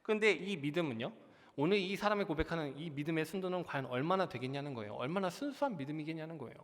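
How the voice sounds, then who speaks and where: A man's voice: a little high, expressive, fast talker. A young man preaching a sermon as junior pastor, earnest, often turning to the congregation and building to emphatic peaks. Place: church sanctuary. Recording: long church hall reverb.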